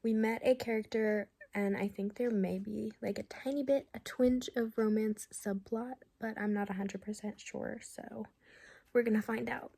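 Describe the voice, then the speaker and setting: Sick young woman vlogging, raspy fry voice, kinda mellow, gets excited. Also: on the high side, normal speed. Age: young adult. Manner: excitable, half-whispered at times. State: sick, with a sore voice. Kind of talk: casual video diary.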